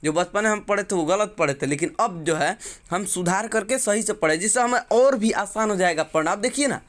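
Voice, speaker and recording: A man with a high, light voice teaches English letter sounds in a classroom style. He spells words slowly, letter by letter, and keeps asking the viewer questions. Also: a bit bright. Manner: slow, drawn-out letter-by-letter spelling.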